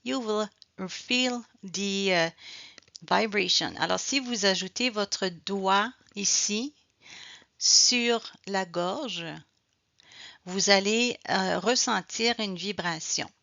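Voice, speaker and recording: Woman, patient bilingual pronunciation teacher, drawn-out deliberate delivery, lo-fi sound. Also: medium pitch, gravelly, bright, forceful tone, no echo. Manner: slow, careful, repeats each sound and word twice; switches between French and English explanations. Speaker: French teacher. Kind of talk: slow bilingual pronunciation lesson. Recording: dull, slightly lo-fi dry recording.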